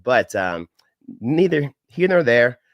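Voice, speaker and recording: Broadcasting a live-stream training from a home setup in Dallas, a middle-aged government contracting trainer speaks slowly with big pitch swings and no room sound. He has a head cold that makes his mid-range voice a bit crackly and nasal, yet he stays upbeat and folksy, offering preacher-like greetings.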